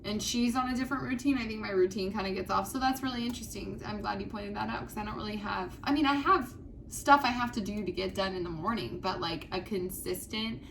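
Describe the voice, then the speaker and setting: A woman in her thirties with a mid-range voice co-hosts a laid-back podcast. She chats loosely and readily, with fillers and laughs. A steady background noise runs under her voice. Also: medium pitch, quick pace, vocal fry, low-quality recording. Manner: chatty, laughing, loose filler-heavy talk. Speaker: podcast co-host. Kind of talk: casual chat.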